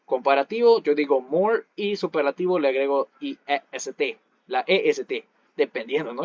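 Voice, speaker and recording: A man's voice: a little high, no echo. Man teaching, dull lo-fi audio. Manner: patient, repeats each example in English then Spanish. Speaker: English teacher. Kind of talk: online class explanation.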